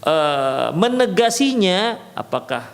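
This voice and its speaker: Indonesian preacher in a reverberant hall. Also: male voice, high voice, sing-song. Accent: Medan Indonesian. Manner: explains slowly with many fillers, reads Arabic text then translates; raises his voice sharply when acting out a scolding teacher. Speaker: Islamic religious teacher. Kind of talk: religious lecture.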